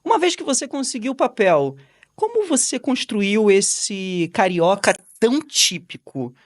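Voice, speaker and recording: Videocast host, medium pitch, interview questions, admiring tone, dry sound. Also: very animated, unhurried, no echo.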